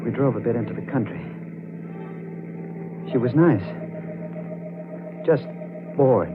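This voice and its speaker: An actor playing a tormented, obsessed killer in a 1940s radio drama, narrating with haunted, halting intensity. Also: male voice, medium pitch, lively intonation. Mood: bleak, brooding. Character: tormented, obsessed male strangler confessing his crimes. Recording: muffled vintage radio with music behind.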